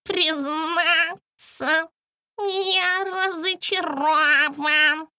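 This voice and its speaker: A woman voicing a fussy, boastful little male silver frog, in a slow, squeaky, scolding voice. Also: fairly even intonation, bright, forceful tone, no room sound, exaggerated voice. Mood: disappointed. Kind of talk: audiobook character voice.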